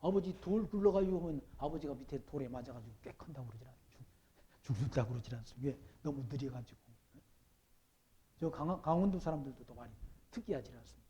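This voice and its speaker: Korean pastor preaching with loud, soft swings. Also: male voice, medium pitch, expressive, dull audio, slight background noise. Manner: reads scripture aloud slowly and forcefully. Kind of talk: sermon.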